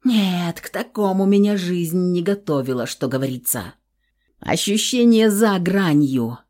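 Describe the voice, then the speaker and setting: Audiobook narrator: woman with a lowish voice, measured first-person reading. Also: expressive, dark tone.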